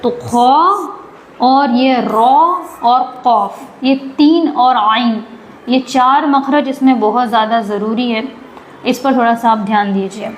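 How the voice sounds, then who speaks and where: A woman teaches Quran recitation in a live online class, and her voice sits on the higher side. She draws each recited word out slowly, then speeds up to explain it, often asking a question and answering it herself. A faint background hiss runs under the whole recording. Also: rough recording. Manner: slow drawn-out recitation with quick explanations between. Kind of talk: live online tajweed lesson.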